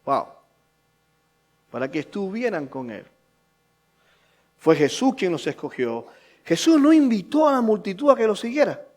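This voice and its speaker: A man preaching a sermon as pastor, swinging between loud emphatic questions and quiet low asides. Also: big pitch swings, unhurried, pauses often.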